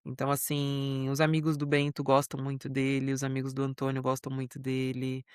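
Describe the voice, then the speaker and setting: A woman's voice: rumbling low, completely flat delivery, brisk, clear, resonant tone, no room sound, studio quality. A Brazilian woman co-hosting a podcast, telling stories in a chatty, proud, easygoing way. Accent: Brazilian Portuguese. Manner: warm, proud storytelling, chatty with many fillers. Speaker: podcast co-host. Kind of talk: casual chat between friends.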